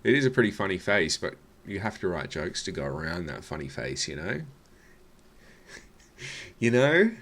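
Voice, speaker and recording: A man's voice: sits low, sing-song, normal speed, pauses often, fairly bright tone. A man mocking a comedy set as a reaction host, swearing freely and sneering. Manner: mocking, swears freely, calls people love. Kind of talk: sarcastic reaction commentary.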